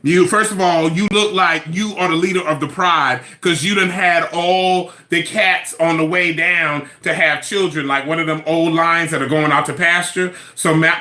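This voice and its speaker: A man gives sassy, animated commentary on a reality show, repeating phrases for effect. His voice sits fairly high, with a bright, forceful edge. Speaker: reality TV recap vlogger. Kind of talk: casual opinionated commentary.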